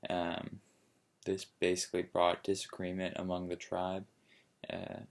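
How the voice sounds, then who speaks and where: A young man presenting a school book-project video in a sleepy monotone, hesitant and full of fillers, having just woken up. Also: low-pitched, unhurried. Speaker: student presenter.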